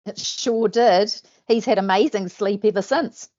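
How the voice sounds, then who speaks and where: A woman's voice: mid-range voice, measured pace, darkish tone, highs cut off. A woman, a hypnosis trainer hosting, chatting in an upbeat, encouraging, coaching way. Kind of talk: casual interview chat.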